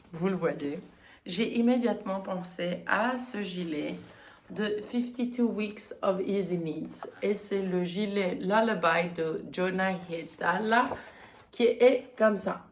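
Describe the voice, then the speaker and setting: A woman hosting her knitting podcast in a casual, chatty way, often pausing with hesitant fillers. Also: mid-range voice, a little hiss or hum. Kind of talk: casual chat.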